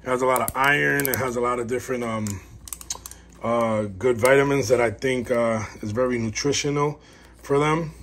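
A man's voice: medium pitch, steady tone, normal speed, fairly bright tone. A man breeding dogs, rambling casually through a how-to vlog from home while he works. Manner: rambling and chatty, talks while working. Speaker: dog breeder. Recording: noisy home recording.

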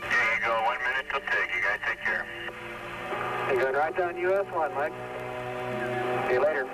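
Man speaking over a distant radio link. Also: mid-range voice. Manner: brisk, terse call-and-response. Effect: radio transmission over the air. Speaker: mission radio communicator. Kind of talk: clipped radio procedure talk. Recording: distant archival radio audio under loud music.

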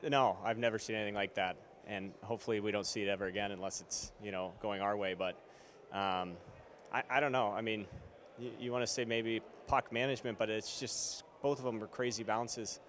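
A hockey player in his twenties answers postgame press questions in an arena corridor, speaking casually with many fillers into an interviewer's handheld mic. His voice is fairly low, steady, a bit bright, and fairly quick, with slight background noise.

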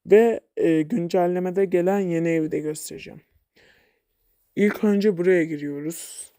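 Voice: medium pitch, normal speed, mellow, clean tone, no echo, studio quality. A game vlogger giving casual gameplay commentary, chatty and talking back at the game, sometimes dropping to a mutter.

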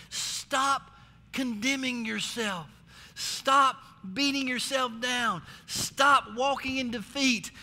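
In a very high-pitched, bright, forceful voice, a middle-aged American man delivers a sermon as a pastor, urging his listeners emphatically and driving phrases home through repetition. Amplified on a large indoor church stage, the recording has echoey hall reverb, faint music and a little hiss or hum.

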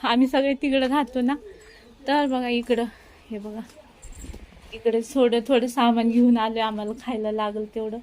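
A woman's voice: on the high side, fairly even intonation, normal speed, a little mellow. A woman vlogging casually on a phone outdoors at a village home, chatty and constantly pointing things out to her viewers. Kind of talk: casual vlog narration. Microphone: phone camera.

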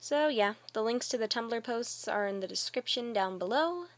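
A young woman doing an amateur comedy dub, switching quickly between several character voices in short sketches. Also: a little high, animated, no room sound. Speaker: fan dubber.

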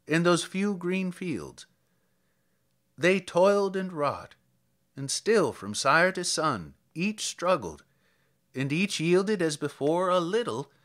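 A man reads dramatic verse in the role of an elderly, reflective country priest, relating stories in a measured, unadorned way. His voice sits on the high side and has a fairly bright tone.

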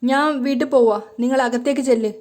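Woman reading out a hurt young wife, quiet refusals, soft voice. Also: sits high, fairly even intonation, a little fast, lightly acted.

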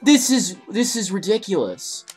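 A male speedrunner raging through a live game, his yells shooting up into shrill, wildly swinging shrieks full of curses. Between outbursts he slows into low, drawn-out muttering. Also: sing-song, soft background music. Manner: shrieking high-pitched outbursts, swearing. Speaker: video game speedrunner streaming. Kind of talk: raging live gameplay commentary.

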